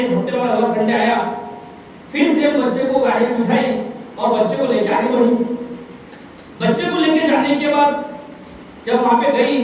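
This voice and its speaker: A man's voice: very high-pitched, a little mellow, slight background noise. A man giving a motivational anti-drug awareness talk in a large hall, telling stories and asking the audience rhetorical questions, recorded from far off.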